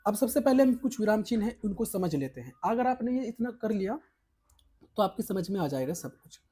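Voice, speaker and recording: A man from India teaches an exam prep lesson in a dark, mellow voice with a husky edge. He talks emphatically, coaxing his students along and repeating each point. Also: high voice, very animated, a little fast.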